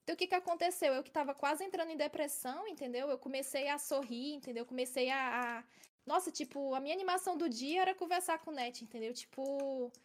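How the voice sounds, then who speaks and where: Talking fast in a high voice, a young woman chats her way through a long personal story. She keeps tossing in "entendeu?" to make sure her listeners are following along.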